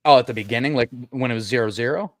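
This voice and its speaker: A man's voice: mid-range voice, racing, no room sound, studio quality. A man co-hosting a casual sports chat over an online call, laughing often and rambling, his audio cutting out in dropouts. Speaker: podcast co-host. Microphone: own mic over an online call.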